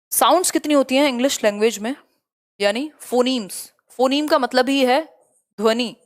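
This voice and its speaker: A young woman teaching an online exam-prep lecture, brisk and chatty, mixing in English terms. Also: on the high side.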